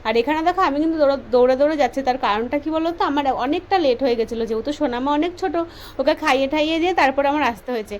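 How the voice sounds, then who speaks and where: A young woman vlogger talks to her viewers in a rapid, rushing patter. Her voice sits high and light, and a faint hum of ambience runs behind it. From West Bengal, India. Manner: says she speaks softly for this voice-over; chatty, addresses viewers directly. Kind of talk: casual vlog voice-over.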